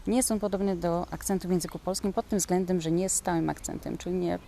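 A woman from Poland with a fairly low voice gives a relaxed spoken language lesson. She talks in a hesitant way, full of little filler sounds between phrases, over a faint background hiss. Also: fast, gravelly. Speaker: Croatian language teacher.

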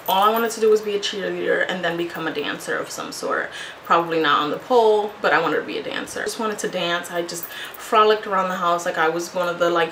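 Talking candidly to the camera from a small room at home, this woman tells personal stories in a casual way. She is in her thirties, a native Spanish speaker from Puerto Rico who moved to Connecticut as a child, and her voice is fairly low and fairly bright, with room echo and faint background noise.

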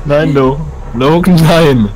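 A young man in casual gaming chat with friends, playful and often repeating words in quick exclamation. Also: on the high side, low-quality recording. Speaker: gamer playing online with friends. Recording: music behind the voice.

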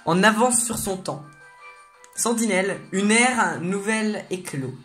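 An excitable gamer talks casually through new game content at a middling pitch, reading the menus aloud and cheering at each new item. Faint game music plays underneath. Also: measured pace. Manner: excitable, reads menu text aloud. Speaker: gaming video host. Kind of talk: casual gameplay commentary.

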